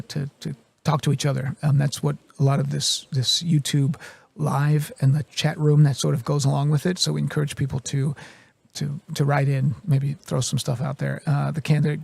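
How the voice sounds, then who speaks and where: A middle-aged newsman in a TV newsroom, talking off the cuff on a live stream. His voice sits a touch high but stays flat, with a gravelly, husky grain, and he pads his explanations with ums and restarts. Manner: conversational, many fillers and restarts. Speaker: news reporter hosting a live stream. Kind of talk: unscripted live news explainer.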